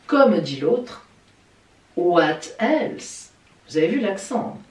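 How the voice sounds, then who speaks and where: A woman astrologer talks through her weekly horoscope with a lot of pitch movement, chatty and playful. Her voice sits a little back from the mic in an echoey room. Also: moderate pace, recorded from a distance. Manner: lively and chatty, with playful exclamations. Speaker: astrologer and psychic. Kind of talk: weekly horoscope video talk.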